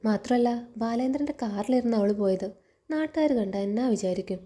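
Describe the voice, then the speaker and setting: A woman's voice: fairly high pitch, lively intonation, fairly quick, mellow, lightly acted. A woman reading the lines of a domineering, wealthy middle-aged lady of the house in a scornful, scolding way.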